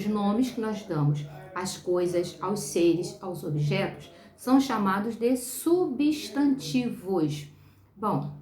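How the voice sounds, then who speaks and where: A Brazilian woman teaching young children online, speaking slowly and patiently and repeating words for them. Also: medium pitch, a little mellow, reverberant. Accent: Brazilian Portuguese. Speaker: primary school teacher.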